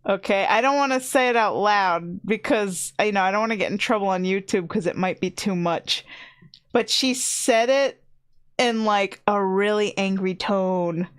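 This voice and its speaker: A woman's voice: mid-range voice, moderate pace, clean tone. Chatty woman streamer rambling with "like". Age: 30s. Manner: chatty, rambling, fills with "like", laughs often. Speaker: VTuber streamer. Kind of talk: casual stream chat.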